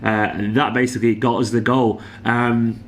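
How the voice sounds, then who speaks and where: A man's voice: mid-range voice, flat delivery, normal speed, slight background noise. A hungover, exhausted man giving a casual, weary football reaction as a fan channel host. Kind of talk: casual post-match reaction monologue.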